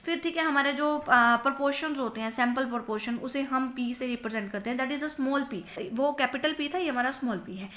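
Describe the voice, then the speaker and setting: A woman's voice: high-pitched, brisk, hardly any pauses, a bit bright. A young woman with an Indian accent, a commerce teacher giving a recorded lecture. She explains by asking and answering her own questions, repeats terms, and mixes English terms into Hindi.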